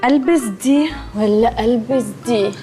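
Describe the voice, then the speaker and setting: A woman's voice: on the high side, a little slow, mellow, faint music behind, close to an everyday voice. An actress playing a snooty, snappish young woman in a TV comedy, with an Egyptian accent and a curt, haughty manner. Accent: Egyptian Arabic. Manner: curt, haughty, drops English words. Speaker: sitcom character. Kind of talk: TV comedy acting.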